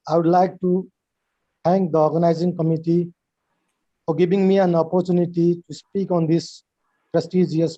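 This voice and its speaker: Formal high-voiced man from Nepal. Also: warm tone, no room sound. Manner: measured, formal, starts phrases with "well". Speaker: guest speaker. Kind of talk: prepared talk on a video call. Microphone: video call. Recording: dull, dry video call audio.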